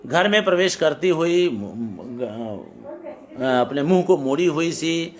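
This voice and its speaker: A middle-aged man teaching a class on poetics, his voice sitting a little high for a man. He recites old verses slowly and then explains each phrase in plain talk, with a patient teacher's manner. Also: animated. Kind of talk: lecture on poetics.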